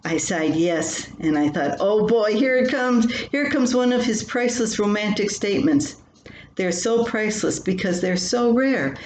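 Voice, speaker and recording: An older woman reads her own humorous personal column aloud in a wry, dramatic storytelling style. Her mid-range voice has lively intonation and a moderate pace. The room is echoey, and background noise is clearly audible.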